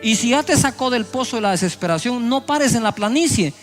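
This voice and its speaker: A man's voice: extremely high pitch, lively intonation, fairly quick, soft background music. A middle-aged male pastor preaching a sermon, acting out people's prayers with sudden raised voices. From Guatemala.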